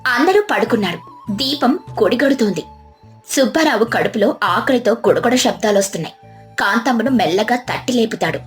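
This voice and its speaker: A woman narrating a moral storybook tale in a steady, plain telling. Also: a little high, fairly quick. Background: soft music.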